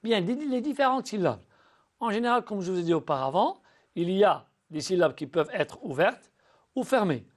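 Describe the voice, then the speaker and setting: Patient high-pitched male teacher. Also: lively intonation. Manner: patient, slowly spells out syllables and addresses pupils; often repeats and restarts words. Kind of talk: recorded school lesson.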